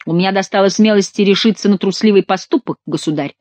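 A woman's voice: mid-range voice, quick pace, darkish tone, no echo, close to an everyday voice. A woman voicing a hot-tempered young male courtier who curses angrily. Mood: furious. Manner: angry, cursing.

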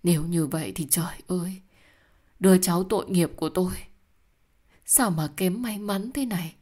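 A woman's voice: sits low, measured pace, breathy edge. A woman voicing an aging mother who soothes her daughter and grieves with her, in an audio story. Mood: distraught. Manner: soothing, then shocked and grieving.

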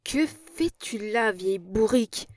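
A woman's voice: medium pitch, expressive, unhurried, a little mellow, no echo, clean studio sound. A woman playing a brutal, scheming villain. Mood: furious, brutal. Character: brutal scheming male villain, middle-aged.

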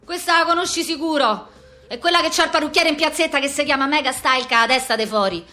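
A woman performs an agitated, indignant theatrical monologue as a brash, foul-mouthed young street girl with a Roman accent, delivering it bluntly. Her voice sits high, quick and sharp-toned, with faint music behind.

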